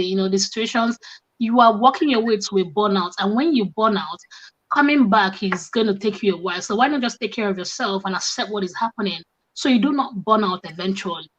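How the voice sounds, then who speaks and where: A woman's voice: mid-range voice, quick pace, muffled recording. A young woman from Africa, a coach, telling stories animatedly in casual conversation and acting out both sides of the exchanges. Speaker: guest coach.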